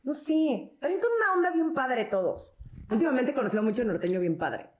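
A woman with a Mexico City accent, a podcast guest in casual chat, animated and slangy, often laughing. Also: high voice, brisk, reverberant. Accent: Mexico City Spanish.

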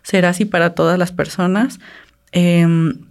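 A woman's voice: lowish voice, steady tone, measured pace. A woman, co-hosting a casual podcast and reflecting aloud with questions. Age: 30s. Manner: reflective, asks herself questions. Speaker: podcast co-host.

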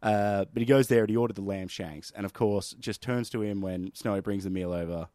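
A man's voice: lowish voice, fairly quick, dark tone, no echo. Laid-back man telling stories, dry sound. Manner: laid-back storytelling, swears often. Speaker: podcast host. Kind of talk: casual chat.

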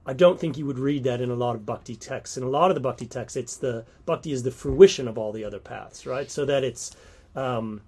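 A man's voice: medium pitch, fairly quick, a little mellow, slightly rough. A man who teaches at a university, talking casually about course lectures, thinking aloud with many restarts and stumbles.

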